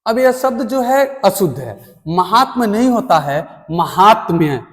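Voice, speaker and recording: Slow high-voiced man teaching in a reverberant room. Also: big pitch swings, darkish tone. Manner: slow, deliberate, repeats words for emphasis. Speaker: Hindi teacher. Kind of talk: spelling lesson at a board.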